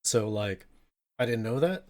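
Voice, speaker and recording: A man's voice: medium pitch, expressive, unhurried. A man co-hosting a podcast, chatting casually about a film in a loose, rambling way with many fillers. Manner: loose and rambling, frequent fillers, bursts of laughter. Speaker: podcast co-host.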